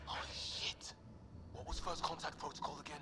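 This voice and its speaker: A man's voice: on the high side, flat delivery, moderate pace, close to an everyday voice. A man playing an earnest, wary young soldier in a sci-fi video game, talking informally and emphatically. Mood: alarmed. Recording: noisy game battle ambience behind voice.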